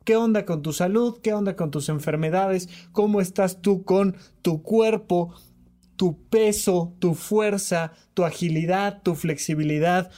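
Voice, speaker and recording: A man, a therapist hosting a podcast on emotional health, who talks in an animated way and hammers his points home by repeating them. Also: high-pitched, a little slow. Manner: animated, repetitive, acts out quoted dialogue.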